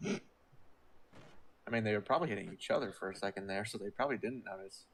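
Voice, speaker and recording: A man's voice: lowish voice, brisk, a little hiss or hum. A man co-commenting on a game, tossing in dry joking asides from away from the mic. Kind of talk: casual gameplay commentary.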